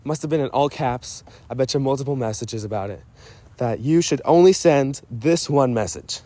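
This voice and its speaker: Mid-range and mellow, the man's voice moves at an ordinary pace on a dry recording. He's leaving a friend a rambling personal voice memo, teasing himself playfully while breaking off mid-thought and losing his thread.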